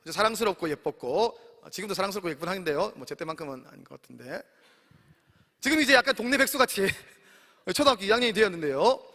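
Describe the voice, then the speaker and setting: A man in his thirties preaching a sermon, animated and speaking often to his congregation. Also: sits high, fast talker. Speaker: pastor. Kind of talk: sermon at a campus worship service. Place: large worship hall. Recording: long hall reverb.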